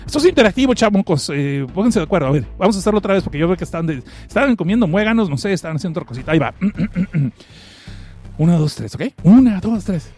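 A man's voice: high voice, lively intonation, fast talker, darkish tone, faint music behind. A man with a Mexican accent recapping an anime episode as a joke-filled comic narrator, full of crude slang and asides to his viewers. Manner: playful, slangy, crude jokes, talks to audience.

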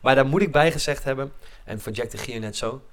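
A man in casual football chat, animated and laughing often, his voice climbing when he gets worked up. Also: mid-range voice, a little fast. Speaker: football podcast panelist.

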